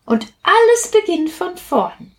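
A woman's voice: very high-pitched, very animated, slow, voice pushed up, exaggerated voice. A woman voicing a cheerful, knowing young male water drop who eagerly explains things in a storybook. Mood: cheerfully explaining.

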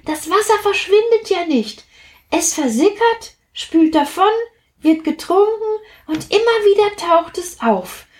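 Woman doing a high, chirpy little water drop boy. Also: expressive, unhurried, darkish tone. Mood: cheerfully explaining. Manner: eager, explaining. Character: cheerful know-it-all young male water drop.

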